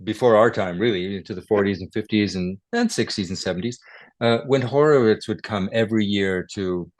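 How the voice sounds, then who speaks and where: An older man, a guitarist and record producer, telling stories in a relaxed interview with chuckles and self-corrections. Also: lowish voice, fairly quick, dry recording. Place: his home.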